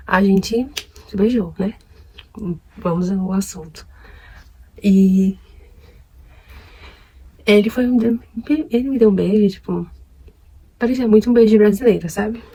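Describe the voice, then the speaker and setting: A woman's voice: mid-range voice, husky, poor audio. A young woman from Brazil gossiping casually about her dates while doing her makeup. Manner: chatty, gossipy, animated retelling. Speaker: beauty vlogger.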